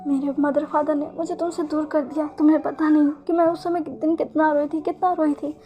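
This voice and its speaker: A woman's voice: high-pitched, level tone, a little fast, dark tone, faint music behind, natural voice. A woman voicing a desperate, clinging young woman who begs for love, in a read-aloud fan story. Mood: pleading.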